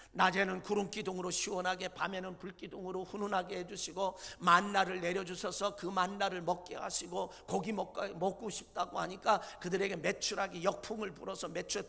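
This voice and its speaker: A man preaches a sermon with a high, bright voice roughened by gravel. He retells scripture dramatically, swinging from loud peaks to low, hushed lines. The sound carries the long reverb of a church hall. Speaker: pastor. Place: church sanctuary.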